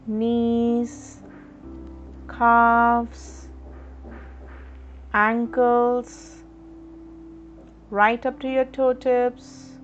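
A woman talks listeners through a chakra meditation, her words unhurried and drawn out. She keeps a calm, instructive tone. The recording sounds slightly muffled, with quiet music beneath her. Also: fairly high pitch. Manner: slow, soothing, instructive. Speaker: meditation guide. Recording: dull lo-fi recording with soft music.

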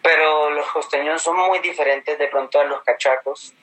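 A man with a bright, forward voice pitched a little high speaks casually as a guest. His coastal Colombian accent is fairly neutral, softened by an inland touch. He tells his stories in a conversational way. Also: fairly even intonation, normal speed, poor audio. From Colombia, Caribbean coast. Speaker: interview guest.

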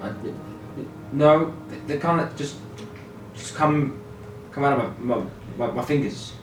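A man voicing a timid young sorcerer in a tabletop game, speaking quietly with many stammers and hesitations. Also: mid-range voice, measured pace, echoey room, distant mic, faint music behind, close to an everyday voice. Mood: shy. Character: timid young male sorcerer, shy, evasive.

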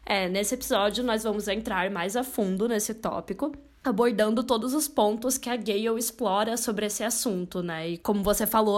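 A young woman co-hosting a podcast, speaking emphatically and often adding tag questions. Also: medium pitch. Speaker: podcast co-host. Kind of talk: casual podcast discussion.

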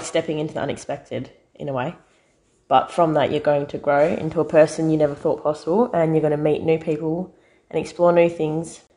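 A young woman with an Australian accent and a notably low voice, speaking earnestly and with encouragement as an interview guest. Her chat is casual and warm in tone, urging listeners not to be afraid.

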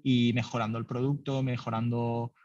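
Answering business interview questions, a male startup founder talks casually with plenty of fillers and the occasional light laugh. His medium-pitched voice is flat and a little mellow at normal speed, captured in a dry, muffled recording with no echo.

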